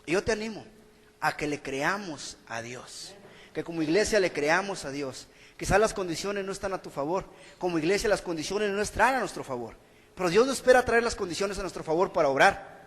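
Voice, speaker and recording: A man's voice: high voice, animated, fairly quick, a bit bright, long reverb tail. A man preaching a sermon in church, earnest and exhorting. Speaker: pastor. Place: church hall.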